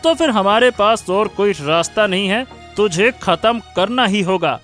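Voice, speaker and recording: A man's voice: high-pitched, expressive, unhurried, fairly bright tone, soft background music. A man voicing a jealous young village bully who threatens and gloats in a cartoon story. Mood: menacing. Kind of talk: cartoon voice acting.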